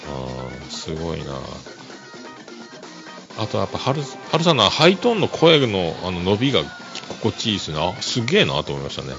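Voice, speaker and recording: A man chats through a relaxed solo podcast, his deep voice gravelly and his pitch bouncing around a lot. He laughs easily and pads his talk with fillers. The recording is dull and lo-fi, with music playing beneath him. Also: brisk. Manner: easygoing, chuckling, full of fillers. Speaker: podcast host. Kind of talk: casual solo podcast chat. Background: music playing underneath.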